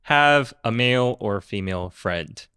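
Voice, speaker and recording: A man in his thirties hosting a relaxed group chat, easygoing and quick to laugh as he reads out figures. His voice is recorded dry and close, with little room sound. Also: on the low side, clean tone, dry recording. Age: 30s. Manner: laid-back, laughs often, reads out survey figures. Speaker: podcast host. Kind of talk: casual chat.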